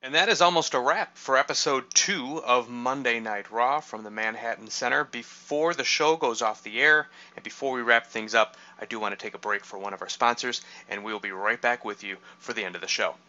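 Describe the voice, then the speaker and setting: A man's voice: mid-range voice, brisk, few pauses, pushed and bright, lo-fi sound. A man hosting a podcast, casually recapping a wrestling show with asides. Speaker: podcast host.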